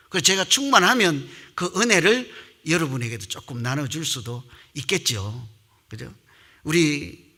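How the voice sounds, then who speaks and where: A man's voice: fairly high pitch, pushed and bright. A middle-aged man preaching a Sunday sermon, asking the congregation questions and acting out the voices he quotes. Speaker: pastor.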